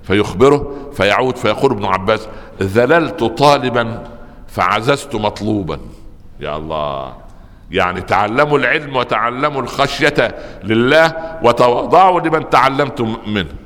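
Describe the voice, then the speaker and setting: A man with an Egyptian accent lectures a gathered audience on religion, spinning anecdotes and pausing to quiz his listeners with rhetorical questions. His voice sits at an ordinary middle pitch for a man. It rings out with the long, trailing reverb of a large hall. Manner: lively storyteller, keeps asking the audience rhetorical questions. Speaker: preacher teaching a religious lesson.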